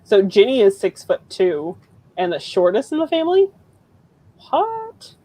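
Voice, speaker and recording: A woman's voice: mid-range voice, big pitch swings, normal speed, warm tone. A woman co-hosting a live writing stream, telling stories casually and laughing often. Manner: laughing, anecdotal storyteller. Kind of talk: casual chat.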